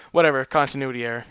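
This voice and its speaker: A man's voice: mid-range voice, sharp tone, clean tone, no room sound. A man reading a fan story aloud, breaking off into laughing, rambling asides to his listeners. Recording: dry, slightly dull home recording.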